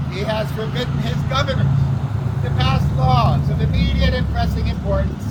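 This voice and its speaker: Man acting as a high-pitched town crier, proclaiming. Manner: declamatory, deliberate, broken into short phrases. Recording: outdoor recording with faint traffic noise.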